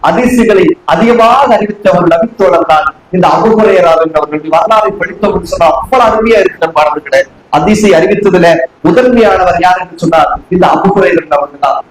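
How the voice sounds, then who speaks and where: A man's voice: high-pitched, moderate pace. A man from Tamil Nadu preaching a sermon to a congregation, asking them rhetorical questions again and again. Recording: echoey room with faint background noise.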